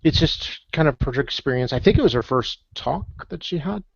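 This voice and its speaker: A man's voice: fairly high pitch, lively intonation, fairly quick, vocal fry. A man leading a casual book club discussion on a call, reading points aloud and then musing on them conversationally. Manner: conversational, thinks aloud, reads then comments. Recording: dull lo-fi call audio, dry.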